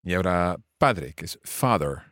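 With a low, slightly bright voice and lively intonation, a man works through English family terms at a measured pace, patiently explaining and repeating each for his student. The recording is dry and studio-clean.

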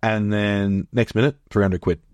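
A man's voice: lowish voice, fairly even intonation, moderate pace, darkish tone, no room sound. A man with a broad Australian accent chatting casually on a podcast as co-host, blokey and full of informal slang. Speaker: business owner and podcast co-host. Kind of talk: casual conversational podcast chat.

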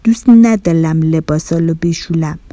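A woman's voice: low-pitched, dark tone, dry recording, pitched below the performer's own voice, lightly acted. A woman voicing a lazy, stubborn washing machine that talks with a childish lisp and a sulky whine. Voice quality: childlike mispronunciations, lisping. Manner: stubborn, whiny.

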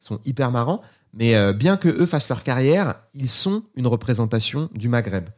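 A man's voice: medium pitch, expressive, normal speed. A French man in a candid conversation, talking in an earnest way, hesitant at first and growing heated. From France.

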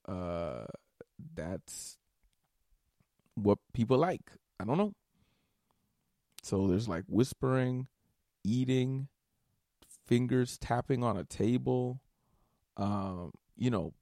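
Worn out from an all-nighter, this young man hosts a solo podcast, speaking slowly and pausing often in a low, creaky voice. He rambles, swears and makes animated asides. The audio is clean studio sound without room noise.

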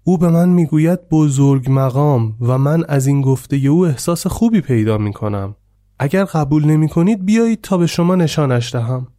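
A man voicing a vain village headman who talks in an excited, self-satisfied way. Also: fairly high pitch, no echo, clean studio sound, pitched above the performer's own voice, close to an everyday voice. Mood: gleeful.

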